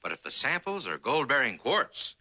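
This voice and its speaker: A man's voice: mid-range voice, huge pitch swings, normal speed, bright, forceful tone, husky, heavily acted. An actor playing a greedy, domineering male boss in a TV western, curt, scornful and commanding. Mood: calculating. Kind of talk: TV western drama acting.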